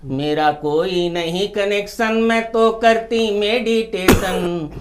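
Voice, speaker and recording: A married woman in her forties, fed up with her husband, pours out her complaints in a slow, sing-song comic poem, sung by a man in his own voice. The melody stretches each line, and the tone sits fairly high. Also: noisy background. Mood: complaining.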